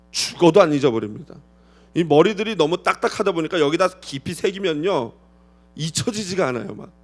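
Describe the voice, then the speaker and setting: A male pastor whose voice sits high preaches an expository sermon. He throws rhetorical questions at the congregation and performs quoted voices with abrupt jumps in volume.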